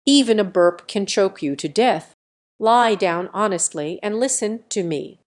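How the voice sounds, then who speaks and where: Woman reading old country healer, sly, gruff, scolding, audio story. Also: medium pitch, a little slow, natural voice.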